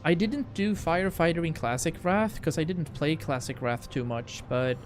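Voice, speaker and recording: With game music behind him and slight background noise, a fairly high-pitched man speaks at a moderate pace. He's hosting a video game livestream, chatting casually and slangily with his viewers as he plays.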